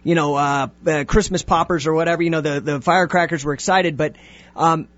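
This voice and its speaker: High-pitched guy hosting a radio call-in show, dry dull studio sound, keeps cutting people off. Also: steady tone, a bit bright, no echo. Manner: brisk, interrupting, cutting callers short. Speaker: radio talk show host.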